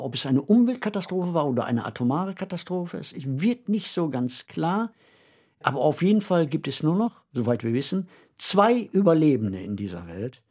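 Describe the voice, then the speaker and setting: A podcast co-host and author with a fairly high, husky voice and dark tone joins a conversational discussion of a radio play. He speaks emphatically and reflectively, in a storytelling manner.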